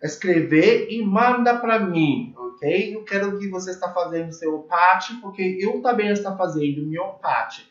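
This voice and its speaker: Male online English teacher, English-accented Portuguese as a non-native speaker, unhurried and emphatic, roomy echo. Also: high voice, fairly bright tone. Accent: English-speaker's foreign accent in Portuguese. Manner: repetitive, emphatic, often checking with "okay?". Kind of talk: informal lesson mixing English and Portuguese. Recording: echoey room, dull muffled sound.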